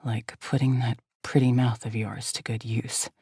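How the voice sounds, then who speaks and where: Lady putting on a growly fae prince guy, rough and commanding, hushed and husky. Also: level tone, measured pace, no echo, clean studio sound, exaggerated voice. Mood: teasing. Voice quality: rough, low and muttering. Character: intense, commanding male Fae prince lover.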